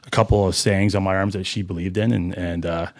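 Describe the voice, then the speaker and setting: A man talking as a podcast guest in a casual, reflective way, pausing often with fillers and restarts. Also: deep voice, little pitch movement, no room sound. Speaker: podcast guest, firefighter and junior hockey coach. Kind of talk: casual interview talk.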